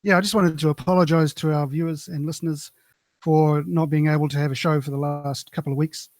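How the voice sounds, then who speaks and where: New Zealand man with a slightly higher voice. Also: fairly even intonation, brisk, a little mellow, no echo. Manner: hesitant, apologetic, frequent "um" fillers. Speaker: podcast co-host. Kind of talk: casual podcast chat.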